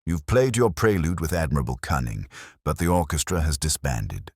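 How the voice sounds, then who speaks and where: Man playing deep, grave Sherlock Holmes. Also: sing-song, breathy edge, dry recording, studio quality, full character voice. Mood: cool, formal. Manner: theatrical, deliberate, incisive. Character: brilliant, grave, intense gentleman detective.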